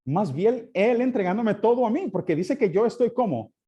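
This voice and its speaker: A man's voice: high voice, expressive, moderate pace, dark tone, husky, muffled recording. A man teaching a Sunday school class, often asking his listeners questions and answering them himself. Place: church classroom.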